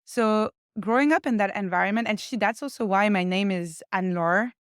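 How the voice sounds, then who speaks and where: A woman's voice: medium pitch, a little fast, clear, resonant tone, no room sound, studio quality. A young adult woman from France with a French accent, speaking English as a podcast guest in a casual, reflective conversation and laughing easily.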